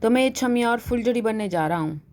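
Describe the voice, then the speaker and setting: A woman's voice: fairly high pitch, lively intonation, fast, a little mellow, pitched above the performer's own voice, lightly acted. A touchy young college guy snaps back at his friends' teasing, voiced by a woman reading the story. He sounds huffy and irritated in a read-aloud tale. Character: touchy young male college student, easily annoyed.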